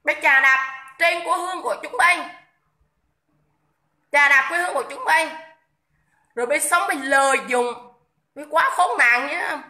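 Angry Vietnamese woman, high bright voice, coarse repetitive phone livestream rant. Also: a little slow, pauses often. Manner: shouting insults, coarse swearing, repetitive.

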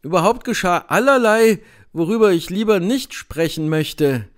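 A man narrates a classic story as an audiobook reader. His voice sits high for a man, and his delivery is lively and dramatic, building tension through the scenes. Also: normal speed. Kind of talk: literary narration.

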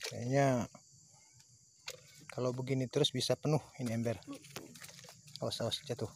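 A man filming his wife fishing for a casual vlog. He talks calmly and cheers loudly whenever a fish is caught, recorded outdoors on a handheld phone. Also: mid-range voice. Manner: slow calm narration, bursting into excited shouts at each catch. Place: outdoors by a pond bank with crickets and insects. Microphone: handheld phone camera. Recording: faint outdoor insect noise.

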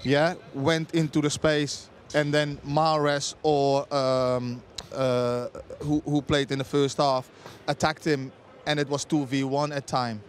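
A middle-aged man debating as a football pundit pitchside, with many restarts and non-native phrasing. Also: little pitch movement, slow, few pauses, slight background noise. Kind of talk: studio-style punditry debate. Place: outdoors pitchside at a stadium. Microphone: handheld mic.

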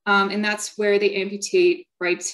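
A young woman tells her own story at a patient symposium. Her pitch sits in an ordinary middle range. She talks earnestly, pausing on fillers and restarting sentences as she goes. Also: flat delivery, rough recording. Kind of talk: personal testimony talk.

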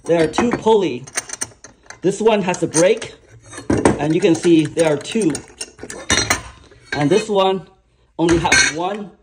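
In a home garage, a male DIY instructor gives step-by-step how-to narration, explaining each step slowly and methodically. His voice is a little high, and there is background noise.

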